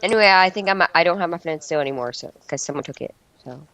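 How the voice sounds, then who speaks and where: A man's voice: on the high side, fast talker, pushed and bright. A teenage boy playing Minecraft with friends, goofing around with silly jokes. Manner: goofy, giggly joking. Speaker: Minecraft let's-play player. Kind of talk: casual gaming banter.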